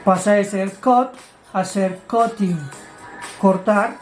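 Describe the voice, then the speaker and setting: A woman's voice: medium pitch, steady tone, takes it slowly, a little mellow, faint music behind. A woman teaching grammar, explaining rules step by step in a patient way and asking her students questions. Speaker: English teacher.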